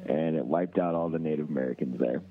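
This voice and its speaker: A man's voice: very deep voice, quick pace. A man calling in over a phone line, telling a story in a rambling way with lots of fillers and restarts. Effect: heard over a phone line. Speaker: caller. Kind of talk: casual call-in storytelling. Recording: tinny phone line with faint music.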